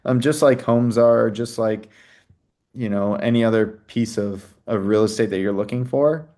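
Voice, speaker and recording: Guy hosting a live call, casual and chatty, lots of "you know", mid-pitch voice. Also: normal speed, warm tone. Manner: casual, chatty, plays sellers' lines in quotes, many "you know"s. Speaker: host.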